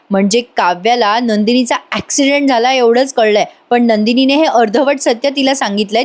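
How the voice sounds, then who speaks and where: A woman narrating a voice-over recap of a TV serial, chatting directly with her viewers. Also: on the high side. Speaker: TV serial reviewer.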